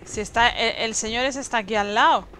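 A woman's voice: a little high, fairly quick, background noise. A young woman streaming a video game, chatting with viewers and her partner and yelping in panic when enemies attack. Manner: excitable, yelps and shrieks in panic during fights. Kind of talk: live gameplay commentary.

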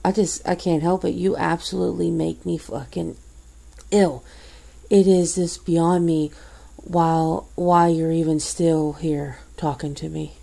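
A woman's voice: lowish voice, creaky, dark tone, heavily acted. A woman playing a fed-up friend in an ASMR role-play, berating and swearing with cold scorn. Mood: contemptuous. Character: fed-up woman coldly cutting off a bad friend. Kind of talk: ASMR role-play, one-sided confrontation.

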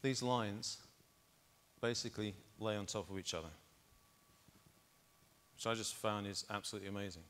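A middle-aged man speaks from a big conference stage through a lapel mic. His voice sits on the low side, and he explains his test results patiently, point by point. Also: normal speed, long pauses, a bit bright. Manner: explanatory, walks through data step by step. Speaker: keynote speaker. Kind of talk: conference keynote presentation.

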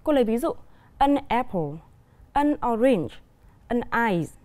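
A woman teacher with a Vietnamese accent, explaining a televised English grammar lesson clearly and deliberately with examples. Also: on the high side, sing-song, a little mellow.

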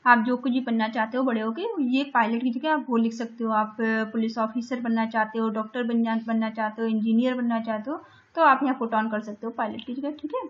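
A woman's voice: on the high side, fairly even intonation. A woman teaching an English lesson to young children, patiently explaining each step in Hindi and English and adding "ठीक है" again and again. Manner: explains in Hindi and English, repeating words slowly. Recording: dull lo-fi recording.

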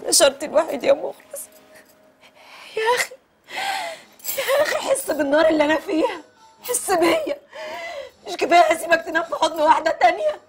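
A woman's voice: high voice, animated, rapid-fire, a bit bright, faint music behind. An actress playing an emotional Egyptian wife with an Egyptian accent, pleading with her husband. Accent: Egyptian Arabic. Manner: pleading, tearful at times. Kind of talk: TV drama acting.

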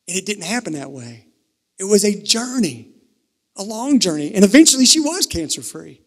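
A man from Kentucky preaching a sermon at a pulpit microphone, earnest, shifting between emphatic and hushed. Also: sits high, sing-song, moderate pace. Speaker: pastor. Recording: reverberant sanctuary, pulpit mic.

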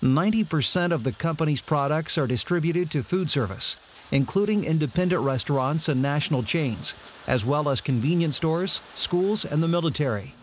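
A man reading scripted narration in a polished, even delivery. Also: on the high side, moderate pace, slight background noise.

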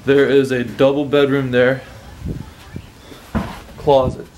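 A man's voice: mid-range voice, little pitch movement, takes it slowly, background noise. A young man vlogging on vacation, giving a laid-back, joking tour of a beach hotel room on a handheld camera. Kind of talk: casual vacation vlog.

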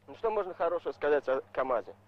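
A male truck driver in an on-camera interview, speaking plainly in halting, simple phrases. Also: fairly high pitch, animated. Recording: muffled old film soundtrack.

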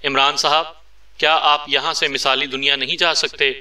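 Guy doing a curious polite agent asking questions, bright voice, mic kinda far. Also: on the high side, flat delivery, moderate pace. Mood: puzzled. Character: curious respectful male agent. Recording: distant mic.

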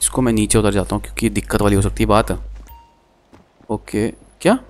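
A man giving chatty, excitable gameplay commentary as a gaming streamer, talking to his viewers. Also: lowish voice, a little fast.

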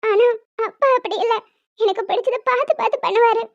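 A woman voicing an emotional young wife in an animated drama, pleading and tearful. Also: very high voice, a little fast, no room sound. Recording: dull lo-fi dry sound.

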